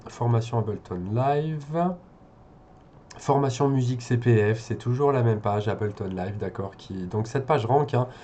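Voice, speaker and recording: A man's voice: mid-range voice, dark tone, a little hiss or hum. A man working as an SEO consultant, thinking aloud as he reviews a website, hesitant with many fillers and restarts.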